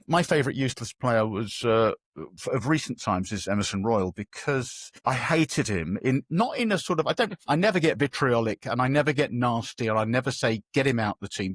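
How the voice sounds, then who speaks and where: A man's voice: medium pitch, dry recording, clean studio sound. A man hosting a casual football podcast, self-deprecating and steering the talk between guests. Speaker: podcast host.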